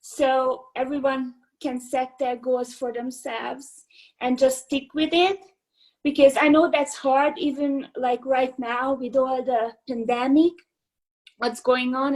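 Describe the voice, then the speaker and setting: Slow-speaking high-voiced woman. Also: low-quality recording. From Hungary. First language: Hungarian. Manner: unhurried, many fillers and restarts. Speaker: fitness instructor, guest. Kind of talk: casual interview over video call. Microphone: video call microphone.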